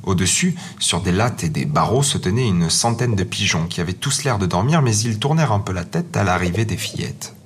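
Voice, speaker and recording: A man calmly reading a fairy tale aloud as narrator. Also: low-pitched, a little fast, few pauses, husky. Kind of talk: scripted storybook narration. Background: faint music.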